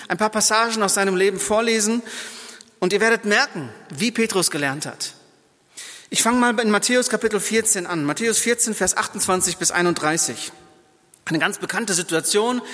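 A man preaching a sermon, retelling Bible stories in lively, everyday words. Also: high voice, long reverb tail. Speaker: pastor.

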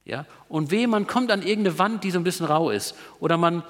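A man's voice: sits high, fairly quick. A man preaching a sermon in a conversational way, often checking in with his listeners through little tag questions. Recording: long reverb of a large hall.

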